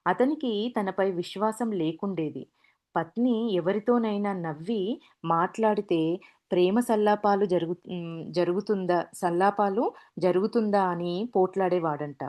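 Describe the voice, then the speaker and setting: A woman's voice: mid-range voice, a little slow, a little mellow. A woman casually retelling anecdotes as a storyteller, with frequent restarts and fillers.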